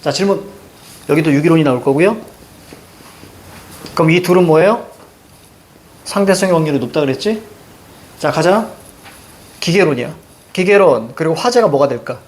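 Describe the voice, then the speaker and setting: A middle-aged male teacher runs a reading lesson in an emphatic way, checking in with the class at every step. His voice sits high for a man and swoops up and down with lively, animated intonation. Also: moderate pace, long pauses. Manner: emphatic, quizzing students with constant check-ins.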